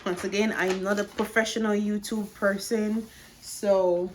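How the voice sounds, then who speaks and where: A woman's voice: mid-range voice, flat delivery, measured pace, a little hiss or hum. A woman casually talking through a postpartum exercise routine at home, plain-spoken and filling her speech with "uh" and "like". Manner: plain-spoken, with frequent "uh" and "like" fillers. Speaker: vlogger sharing postpartum exercises. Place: bedroom at home. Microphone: camera set up across the room.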